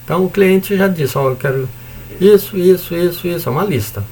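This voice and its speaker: With a high-sitting, darkish voice and a slightly fast delivery, a Brazilian-accented university lecturer gives a casual recorded lecture, with a little hiss or hum behind him. He chats his way through explanations, adding frequent tag questions, humorous asides, and the odd light swear word.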